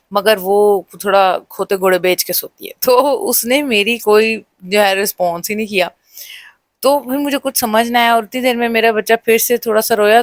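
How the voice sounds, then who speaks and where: A woman's voice: mid-range voice, dry recording. Dramatic young woman telling a ghost story. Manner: dramatic, speaks directly to viewers. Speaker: storyteller vlogger. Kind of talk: first-person horror storytelling.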